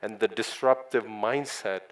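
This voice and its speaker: A man's voice: fairly low pitch, measured pace, rough recording. A middle-aged man speaking as a company executive on a panel, confident and often checking in with "right?". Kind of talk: panel discussion answer.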